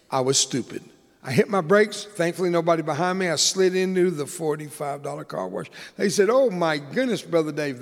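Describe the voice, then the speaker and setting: A man's voice: on the high side, long reverb tail. A man preaching a sermon, telling a humorous personal story in a conversational way with dramatic swings in delivery. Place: church.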